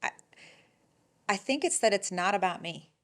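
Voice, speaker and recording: A woman from middle America, guesting on an interview show and answering in a relaxed, conversational way with fillers. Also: medium pitch, moderate pace. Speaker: interview guest, insurance agency owner.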